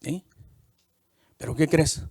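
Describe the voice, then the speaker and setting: A man, preaching a sermon from the pulpit. He keeps checking in with the congregation and builds to loud, repeated phrases. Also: slow pace, dry recording, studio quality. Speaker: minister.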